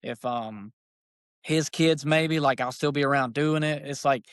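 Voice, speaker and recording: A man, an archery shop owner, telling stories as a podcast guest in a folksy, animated way. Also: a little high, measured pace, smooth, no room sound, clean studio sound. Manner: animated, folksy, says "dude" a lot. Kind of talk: casual storytelling chat.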